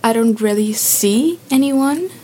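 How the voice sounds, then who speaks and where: A woman's voice: a little high, lively intonation, slow pace, mellow, breathy edge. A young woman from Nepal, giving short, shy answers on a youth radio show. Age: young adult. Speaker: guest. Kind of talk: casual radio chat.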